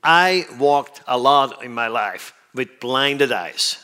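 A man's voice: medium pitch, expressive, slow, pushed and bright, clear, resonant tone. A man from Switzerland preaching a sermon, stressing his points and often asking the audience whether they understand. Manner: emphatic, questions the audience often.

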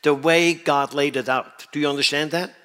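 Man, from Switzerland, preacher, sermon, bright forceful voice, emphatic, asks the audience questions. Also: on the high side, steady tone, normal speed, clear, resonant tone.

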